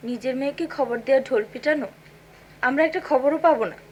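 A woman's voice: sits high, a little mellow, dull audio, a little hiss or hum, lightly acted. A woman playing a touchy young daughter. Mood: hurt. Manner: plaintive, quick to feel hurt. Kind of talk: 1980s TV drama acting.

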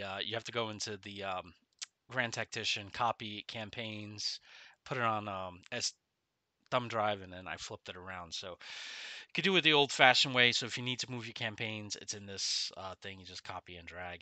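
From a small room at home, a middle-aged man chats casually on his gaming livestream, talking slightly oddly because half his face is numb from the dentist. His voice is on the low side with a sharp tone, recorded dry with no room sound.

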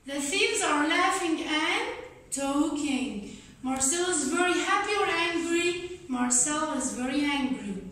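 A woman teaching English, reading a story aloud and explaining it slowly, repeating key words for learners. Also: sits high, expressive, a bit bright. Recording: very echoey, from a distance.

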